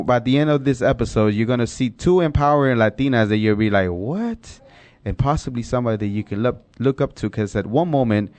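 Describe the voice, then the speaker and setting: Speaking in a lowish, darkish voice with no echo, the Spanish-speaking podcast host keeps the conversation loose and casual. He wanders from point to point and often stops to fix what he just said.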